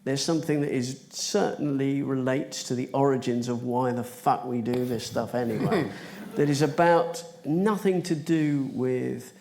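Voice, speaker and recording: A man's voice: medium pitch, steady tone, unhurried, few pauses, darkish tone, slight background noise. A man telling anecdotes as a guest at a live panel event, chuckling often, hesitating a lot and acting out the voices of people he quotes. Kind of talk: anecdotal storytelling.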